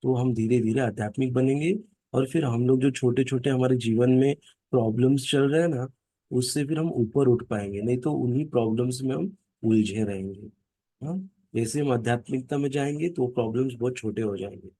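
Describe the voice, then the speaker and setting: A man's voice: mid-range voice, a little fast, dark tone, no echo, clean studio sound. A man leading a scripture class for families, explaining verses through stories and often asking his listeners "right?". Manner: storytelling, asks "ना?" and "हाँ?" to check listeners follow.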